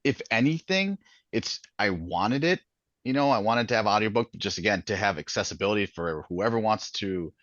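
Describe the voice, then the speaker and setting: The speaker, a male guest author from Minnesota with the local accent, chats casually, rambling through fillers and restarts and laughing a lot. His low-ish voice has lively intonation, a moderate pace and a bit of brightness, recorded dry with dull audio.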